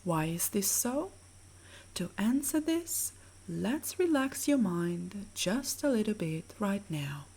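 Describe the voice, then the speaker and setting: Guiding a sleep meditation, a woman speaks slowly in a gentle, breathy voice whose tone is mellow and dark. Her intonation rises and falls with liveliness, and her instructions stay soothing, measured, and soft.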